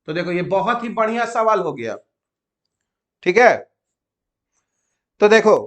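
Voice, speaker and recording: A man's voice: high-pitched, a bit bright. A man teaching chemistry step by step, often stopping to check that students follow. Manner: asks students frequent check questions; slows down to spell out names.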